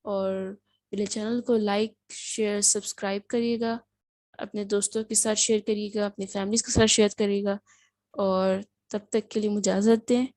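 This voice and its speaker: A woman's voice: mid-range voice, little pitch movement, a little mellow, no echo. Patient woman teaching a language lesson. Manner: patient, repeats words and asks rhetorical questions. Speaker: Turkish teacher.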